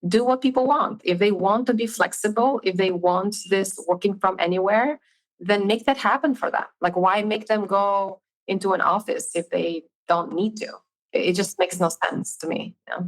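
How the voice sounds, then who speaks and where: A woman's voice: mid-range voice, moderate pace, poor audio. A woman from Albania, a podcast guest, speaking directly and emphatically over a video call in a casual interview. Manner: direct, emphatic about her views.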